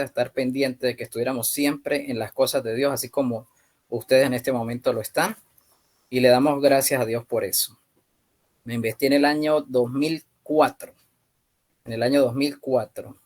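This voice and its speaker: Venezuelan man teaching an online class. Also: mid-range voice. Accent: Venezuelan Spanish. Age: 30s. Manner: measured, with frequent hesitant fillers. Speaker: youth ministry instructor.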